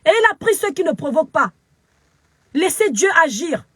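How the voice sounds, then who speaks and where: Cameroonian woman commentator, shrill high voice, dry close sound, preachy angry rant. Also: big pitch swings, moderate pace, fairly bright tone, no room sound. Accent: Cameroonian French. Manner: scolding, preachy, emphatic repetition. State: very upset. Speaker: social media commentator. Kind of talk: angry live video rant. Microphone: phone camera.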